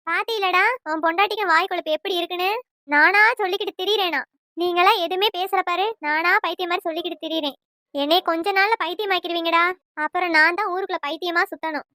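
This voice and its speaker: Cartoon: a woman as a shrill, scolding old mother-in-law; very high, bright, dry studio read. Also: steady tone, quick pace, dry recording. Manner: nagging, shrill, quarrelsome. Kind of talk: cartoon voice acting.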